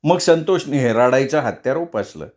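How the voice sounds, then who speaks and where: A man narrating a village audiobook story in a measured, expressive way. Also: medium pitch.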